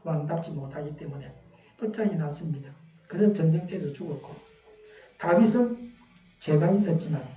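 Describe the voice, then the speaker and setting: A man's voice: a little high, dark tone. A man preaching a sermon as a pastor, speaking through a face mask that muffles his words. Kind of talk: sermon with scripture exposition. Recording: dull, echoey, distant church recording.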